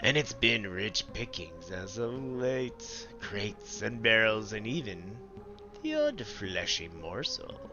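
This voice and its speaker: Man putting on a greedy scavenger voice, sly, slow, swooping pitch, dull lo-fi sound, faint music. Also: big pitch swings, bright, forceful tone, full character voice. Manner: slow, sly, speaks of himself in third person. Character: greedy cackling male shore scavenger, menacing.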